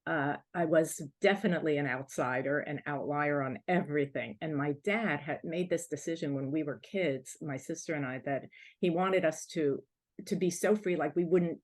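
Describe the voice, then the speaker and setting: A woman author from Morocco, whose first language is French, telling her story on a panel in a reflective, halting way. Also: low-pitched, a little mellow. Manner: reflective, halting, with light laughs.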